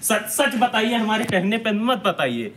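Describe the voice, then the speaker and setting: A man, a social activist, reporting indignantly and emphatically while walking around a village primary school, speaking loudly to the camera. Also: high-pitched, big pitch swings, a little slow, reverberant, a little hiss or hum. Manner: indignant, emphatic, loud denunciation. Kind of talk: on-the-spot investigative video report.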